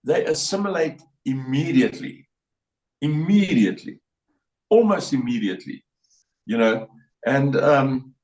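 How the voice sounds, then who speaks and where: Slightly off the mic and far from it, an older South African man gives blunt opinions as an interview guest, his voice ringing in a roomy space. Mid-range and a little mellow, with lively intonation, he talks at a measured pace with long pauses, rambling and repeating himself with many restarts.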